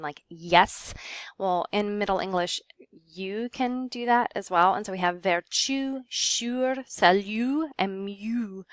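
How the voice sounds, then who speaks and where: A woman teacher giving a recorded lecture, carefully sounding out words and filling pauses with um. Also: lowish voice, a bit bright, clean tone, dry recording, studio quality. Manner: careful, demonstrating pronunciations with frequent ums.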